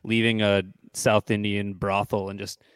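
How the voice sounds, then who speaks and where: A man's voice: on the low side, little pitch movement, normal speed, clear, resonant tone, dry recording. A man chatting casually and informally with his friends. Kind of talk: casual chat among friends.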